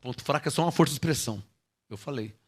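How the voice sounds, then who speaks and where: A man preaching a sermon, swinging from loud, drawn-out calls to hushed asides and checking in with his listeners. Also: medium pitch, husky. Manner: checks in with the listeners, calling out "alô?" and "irmão". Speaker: pastor.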